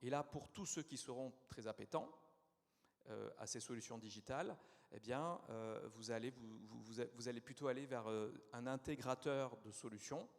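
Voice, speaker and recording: A man speaking on a round-table panel, explaining in a halting, hesitant way. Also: mid-range voice. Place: conference hall. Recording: conference hall reverb.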